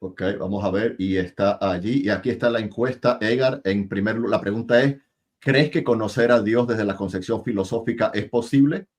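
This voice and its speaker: A male interview host talking over a video call, chatty and quick to laugh, often repeating his words. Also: fairly low pitch. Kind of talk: casual interview and enthusiastic sign-off.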